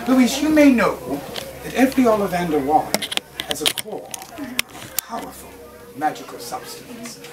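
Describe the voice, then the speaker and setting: A performer playing a theatrical wizard wandmaker who addresses a live audience with dramatic pauses, recorded from a distance. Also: mid-range voice, sing-song. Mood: mysterious. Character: theatrical wizard wandmaker shopkeeper, grand and mysterious. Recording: distant live recording with loud room noise.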